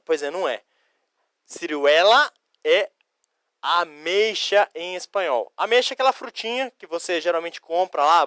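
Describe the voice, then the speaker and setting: A man from Curitiba in Brazil teaching Spanish vocabulary in a recorded lesson, explaining each word slowly, spelling out letters and answering imagined student questions. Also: on the high side, a bit bright, clear, resonant tone, dry recording, clean studio sound. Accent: Curitiba Brazilian Portuguese. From Curitiba, Paraná, Brazil.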